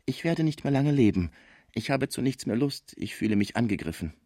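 A man reading aloud, voicing a gentle, grieving old German man. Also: medium pitch, animated, brisk, dry recording, clean studio sound, voice pushed up. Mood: weary.

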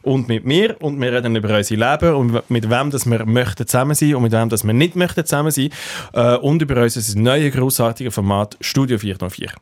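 A man's voice: medium pitch, a little fast, dry recording. Swiss german guy hosting a podcast, rambly and chatty, stumbles on words, dry close mic. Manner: chatty, stumbles and corrects himself. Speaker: podcast host. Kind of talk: casual chat.

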